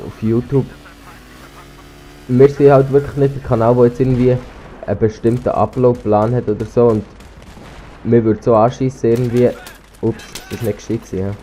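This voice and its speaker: A Swiss teenage boy with a Swiss German accent rambles casually over gameplay as a gaming YouTuber, slightly sick with a cold. He's hesitant, full of restarts and ums, with a dark voice on the low side. His cheap gaming headset adds a little hiss or hum.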